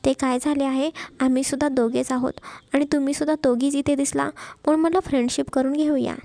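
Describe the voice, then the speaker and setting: A woman's voice: high voice, little pitch movement, fairly quick, warm tone, no room sound. Woman voicing an eager young college guy.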